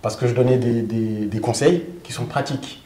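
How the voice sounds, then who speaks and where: Brief: mellow-voiced man in his forties, interview guest who keeps restarting sentences, recorded in an echoey room. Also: medium pitch, moderate pace. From Senegal. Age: 40s. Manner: animated storyteller, frequent hesitations and restarts. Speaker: guest author. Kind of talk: interview answers.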